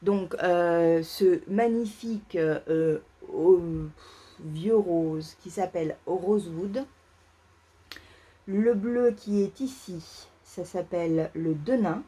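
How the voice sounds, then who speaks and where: Une femme qui anime un vlog de tricot sur un ton décontracté, en hésitant beaucoup, avec de nombreux « euh ». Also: female voice, fairly low pitch, slow pace, warm tone, husky. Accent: French. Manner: hesitant, many fillers and restarts. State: feeling too warm. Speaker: knitting podcast host. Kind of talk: casual knitting vlog chat. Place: parents' home, indoors.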